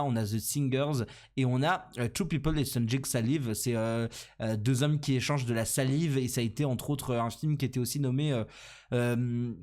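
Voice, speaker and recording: A young man with a French accent talks through a casual solo podcast at a middle pitch. He rambles and pokes fun at himself, filling the gaps with hesitations and restarting his sentences. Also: darkish tone. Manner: rambling and self-deprecating, many fillers and restarts. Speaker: podcast host.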